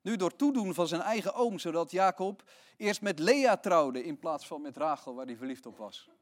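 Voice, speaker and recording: A man preaching a sermon, telling a Bible story in an expressive, emphatic way. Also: fairly high pitch, moderate pace.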